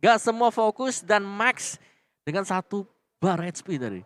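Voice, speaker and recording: A man's voice: sits high, very animated, a little slow, fairly bright tone, dry recording. A man with an Indonesian accent giving analytical live game commentary over slightly noisy broadcast audio. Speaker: esports caster, analyst.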